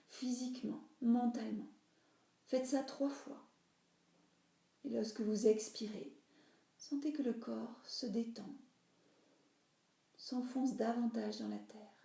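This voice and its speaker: Here a woman yoga nidra teacher, her voice a bit high yet mellow and touched with vocal fry, talks listeners through a relaxation practice. The instructions are soothing, each phrase ending melting into breath, in a recording with a roomy echo.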